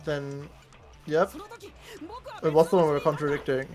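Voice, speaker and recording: A woman's voice: low voice, little pitch movement, a little slow, a little mellow. A woman streaming a game, chatting casually and reacting to it. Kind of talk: reading game dialogue aloud on stream.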